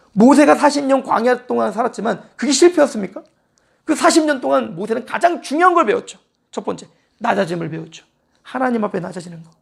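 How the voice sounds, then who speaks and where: Man, pastor, church sermon, husky rasp, conversational delivery with acted-out quotes. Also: extremely high pitch. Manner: conversational preaching, mixing casual and polite speech, acting out quotes.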